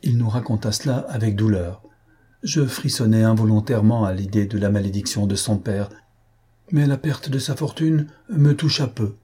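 A man narrating a classic novel aloud as an audiobook reader, in an even, literary storytelling manner. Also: lowish voice, moderate pace, slightly rough.

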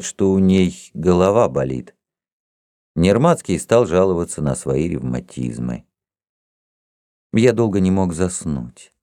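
Deep, dark-toned male narrator. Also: no echo, clean studio sound. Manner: expressive storytelling. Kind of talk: audiobook reading.

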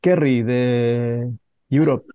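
A man's voice: medium pitch, steady tone, drawn-out words, clean tone, no room sound, lo-fi sound. A man with a Chilean accent, a radio host in casual banter, joking and rambling while he searches for words. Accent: Chilean Spanish.

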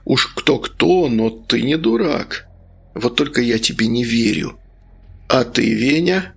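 A man's voice: medium pitch, lively intonation, slow, creaky, breathy edge, full character voice. A man voicing a stern, cruel male sorcerer who coaxes and orders in an audiobook. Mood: stern, persuasive. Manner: stern, coaxing, harsh barks.

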